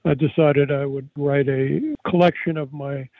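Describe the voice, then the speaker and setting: Higher-voiced older man, muffled dry recording. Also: steady tone, unhurried, no room sound. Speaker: psychiatrist and author, interview guest. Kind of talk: conversational interview answers with anecdotes.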